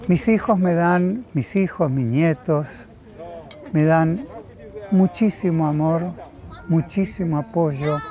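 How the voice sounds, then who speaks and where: An older man, in a slow, unhurried way, pausing often as he thinks. His voice is mellow and sits a little high for a man, and soft music plays faintly underneath. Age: 70s. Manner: slow, thoughtful, pausing often with filler sounds. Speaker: interviewee. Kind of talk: reflective personal testimony.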